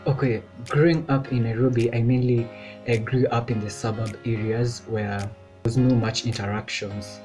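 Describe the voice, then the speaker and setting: A man's voice: mid-range voice, fairly even intonation, normal speed, darkish tone, faint music behind. A young man from Kenya talking casually on his vlog, loose and chatty with lots of filler words. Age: young adult. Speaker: vlogger. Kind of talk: casual chat.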